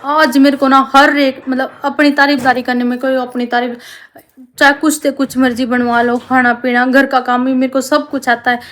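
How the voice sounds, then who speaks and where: Woman in her twenties, high voice, flat even delivery, rambling confessional vlog. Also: normal speed. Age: 20s. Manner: heartfelt, rambling, addresses viewers as sisters. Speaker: family vlogger. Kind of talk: confessional talk to camera.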